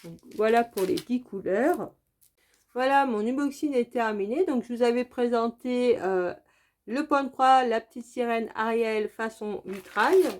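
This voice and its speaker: A woman's voice: fairly high pitch, unhurried, darkish tone. Woman, French, chatty, casual unboxing host, many fillers, repetitive phrasing. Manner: chatty, repeats "donc" and "très, très" often. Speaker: craft channel host.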